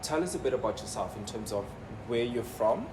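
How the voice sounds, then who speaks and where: A man's voice: mid-range voice, animated, brisk. A man hosting a casual interview, chatty and laughing easily. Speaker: interview host. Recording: noisy room ambience.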